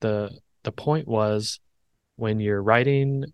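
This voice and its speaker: A podcast host with a lowish voice, musing aloud and circling back on his words as he builds a point. The recording is dry and close, without any room echo. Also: steady tone, takes it slowly, smooth, lo-fi sound. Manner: thoughtful, rambling with restarts. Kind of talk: casual interview chat.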